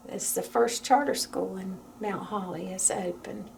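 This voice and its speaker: A woman giving an informal museum tour as a guide, speaking calmly and a little hesitantly. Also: mid-range voice, a little slow, gravelly. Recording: steady background noise, room ambience.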